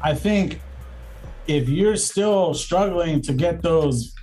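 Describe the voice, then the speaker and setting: A man's voice: fairly high pitch, slow pace, warm tone, soft background music, poor audio. A man speaking as a guest in a casual interview, reflective and rambling, with many fillers and restarts. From Southern California. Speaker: guest, lawyer and entrepreneur.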